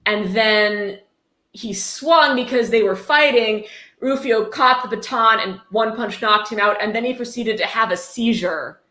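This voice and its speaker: Unhurried and a little high, this woman's pushed, bright voice carries a livestream book reading she hosts casually. She adds wry, sarcastic, blunt commentary throughout, and echo fills the room.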